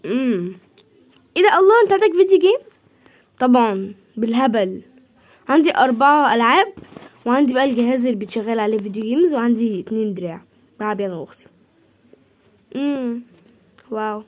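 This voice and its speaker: A woman with an Egyptian accent performing every part in a homemade drama series, quickly switching between the characters' voices with lively delivery. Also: a little high. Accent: Egyptian Arabic. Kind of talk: homemade role-play drama.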